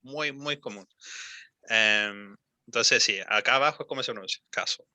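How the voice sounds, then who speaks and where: A young man coaching a student's English pronunciation over a call. He is patient, models each word slowly and fills gaps with ums and eh. His voice is bright and sharp, recorded dry and close. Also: mid-range voice, no room sound. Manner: patient, repeats and models words slowly, many fillers. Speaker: English teacher.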